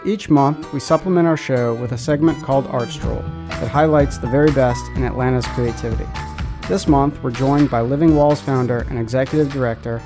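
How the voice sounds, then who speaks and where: A man's voice: medium pitch, fairly quick, over music. A man hosting a radio show, giving a scripted intro and outro and asking friendly questions. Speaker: radio host.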